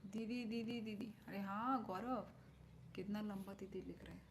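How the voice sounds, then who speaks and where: A woman chatting casually with viewers on a livestream through her phone mic, thinking aloud and slipping into soft whispered asides. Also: medium pitch, steady tone, moderate pace, slight background noise. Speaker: live streamer. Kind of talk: casual live-stream chat answering viewer comments. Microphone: phone microphone.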